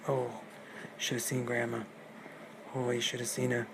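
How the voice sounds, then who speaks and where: A man's voice: mid-range voice, monotone, normal speed, vocal fry. A man telling a fairy tale in a casual, rambling, musing way, on a noisy recording. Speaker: storyteller. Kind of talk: casual improvised storytelling.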